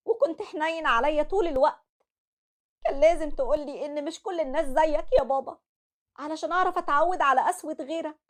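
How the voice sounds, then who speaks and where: A woman's voice: high voice, voice pushed up, lightly acted. A woman with an Egyptian accent voicing a grieving, tearful young wife and mother. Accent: Egyptian Arabic. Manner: pleading, tearful.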